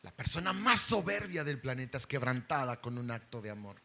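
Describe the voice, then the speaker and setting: A middle-aged male pastor, preaching an impassioned sermon that swings from loud pleading to hushed intensity. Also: mid-range voice, big pitch swings, a little fast, gravelly.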